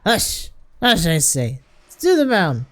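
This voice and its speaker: A man puts on a rowdy middle-aged drunk, an old company ballplayer, blustering in folksy slang. The voice sits pitched up and swings loud and lively. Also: takes it slowly, exaggerated voice. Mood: belligerent. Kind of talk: reading game dialogue aloud.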